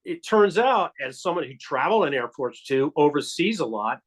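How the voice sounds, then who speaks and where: A man speaks as an interview guest with a voice pitched a bit above most men's. He builds his account step by step, emphatic and insistent. He often restarts mid-sentence as he goes. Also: sing-song, normal speed. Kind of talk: explanatory storytelling in an interview.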